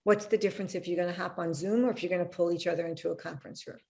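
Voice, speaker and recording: A woman's voice: on the low side, fairly even intonation, racing, creaky, warm tone. Woman host, frank and teasing, laughs often, video call. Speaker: podcast host. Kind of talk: casual interview chat.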